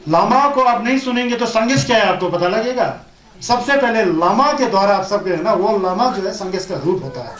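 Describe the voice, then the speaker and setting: High-voiced man teaching in an echoey hall. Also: animated, a little fast, fairly bright tone. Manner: repetitive teaching with rhetorical questions; mixes Tibetan terms into Hindi. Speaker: Buddhist teacher. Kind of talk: Hindi dharma discourse. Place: teaching hall of a Buddhist centre. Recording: roomy echo.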